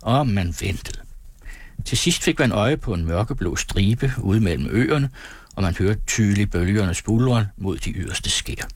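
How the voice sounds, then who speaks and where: A man narrates a novel in a measured storytelling manner. His voice sits low with a husky grain. The recording is dry and close, without room sound. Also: lively intonation, no echo. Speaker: audiobook narrator. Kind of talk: scripted narration.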